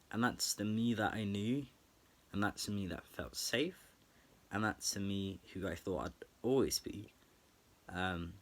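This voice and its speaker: A young man with a somewhat low voice, speaking softly and earnestly into his camera. He reflects slowly and haltingly, often pausing and restarting mid-thought. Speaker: vlogger. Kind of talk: late-night personal reflection.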